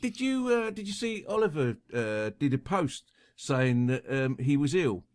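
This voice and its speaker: A man's voice: fairly high pitch, sing-song, a little slow, a little mellow, no echo, clean studio sound. A man co-hosting a podcast, chatting casually and joking with lots of swearing. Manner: profane, jokey banter. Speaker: podcast co-host. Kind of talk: casual chat.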